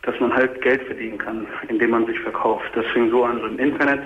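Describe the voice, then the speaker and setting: A man's voice: mid-range voice, fairly even intonation, brisk. A man in his twenties calling in to a radio show from his car, hesitantly telling his story over a phone line that sounds like a speakerphone. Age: 20s. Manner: hesitant, many filler sounds. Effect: caller on a phone line that sounds like a speakerphone. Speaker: caller. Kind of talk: caller recounting his story. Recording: echoey tinny phone line from a car, faint noise.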